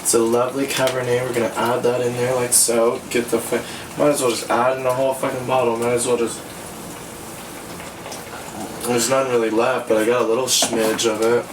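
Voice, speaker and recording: A man's voice: mid-range voice, flat delivery, normal speed. Tipsy, giggly American man in an echoey kitchen. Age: 20s. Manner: sweary, sassy, playful. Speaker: host of a home cooking show. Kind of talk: casual cooking commentary. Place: small cluttered home kitchen. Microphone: camera a few feet away. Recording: echoey kitchen, distant mic, pan noise. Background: sizzling pan and clattering utensils.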